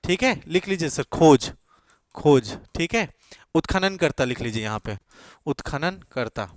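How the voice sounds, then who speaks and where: Male exam-coaching teacher, fairly high voice, very slow and deliberate dictation, dry close sound. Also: lively intonation, no echo. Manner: repeats key words slowly for note-taking, checks with students. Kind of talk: classroom lecture, dictating notes.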